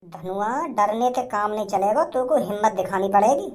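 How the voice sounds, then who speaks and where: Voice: medium pitch, normal speed, lightly acted. A performer voicing a lovesick young village man in a cartoon, earnest and stubborn, who rambles, repeats himself and stumbles over his words. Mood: insistent. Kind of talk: cartoon voice acting.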